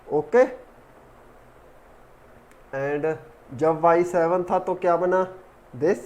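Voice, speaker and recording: A man's voice: a little high, fairly even intonation, extremely slow, darkish tone, highs cut off. A man teaching a math lesson step by step, counting terms aloud as he works. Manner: talks while working, counts terms aloud. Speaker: math tutor.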